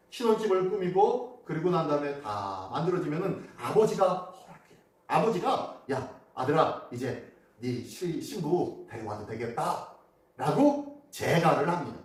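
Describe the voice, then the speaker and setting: Male pastor, sermon, animated questioning delivery, booming church echo, mic at a distance. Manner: animated, asks the congregation questions. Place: church sanctuary.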